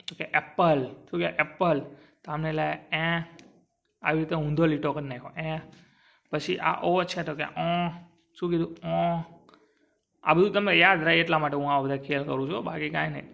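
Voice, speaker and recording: A man teaching an exam-prep grammar lesson, drawing sounds out slowly and asking and answering his own questions. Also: fairly high pitch, vocal fry, pushed and bright.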